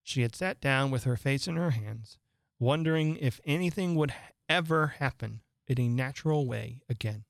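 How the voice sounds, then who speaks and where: Calm storybook narrator, dry close sound. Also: medium pitch, normal speed, creaky, no echo. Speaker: podcast host reading a classic story. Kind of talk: storybook reading.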